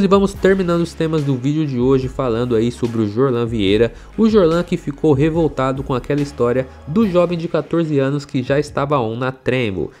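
A man presenting sports news in a scripted narration style, reading at a brisk bulletin pace. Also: medium pitch, a little mellow. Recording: voice-over with background music.

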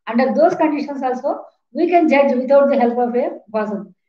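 Speaking briskly in a high, lively voice, this Indian-accented woman in her fifties lectures online students didactically, going over points again and quizzing them. The distant laptop or webcam mic in her small, plain room gives a dull, echoing sound.

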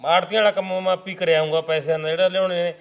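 A man's voice: high voice, level tone, very fast, creaky, clean tone. A man playing an elder brother in a village household who speaks firmly and matter-of-factly, with a Punjabi village accent. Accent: Punjabi village speech.

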